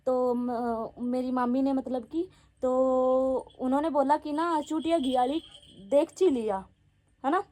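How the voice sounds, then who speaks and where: A young woman tells her viewers stories in a casual, chatty way. Her voice sits high, and she giggles often and keeps talking straight to the people watching. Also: fairly even intonation, takes it slowly, warm tone. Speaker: vlogger.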